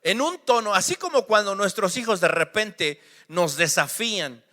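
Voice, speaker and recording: A man's voice: sits high, expressive, normal speed, pushed and bright, in a large hall. A man with a Mexican accent, a pastor preaching a sermon with emphatic rhetorical questions.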